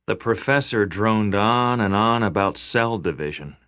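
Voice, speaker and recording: A man voicing a bored student, slow and low. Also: lively intonation, a bit bright, clear, resonant tone. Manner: bored, droning. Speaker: voice in a recorded listening test dialogue. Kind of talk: scripted test audio.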